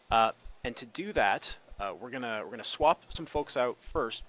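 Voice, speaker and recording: Guy hosting a dev live stream, bright forceful tone, keeps restarting his sentences. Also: mid-range voice, slight background noise. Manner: halting, repeats words. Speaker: game developer hosting a stream.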